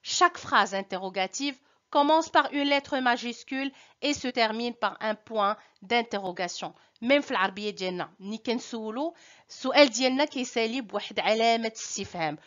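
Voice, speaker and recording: A woman with a Moroccan accent teaching a French lesson, stressing key terms slowly and moving between French and Moroccan Arabic. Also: on the high side, fairly bright tone, muffled recording. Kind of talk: language lesson.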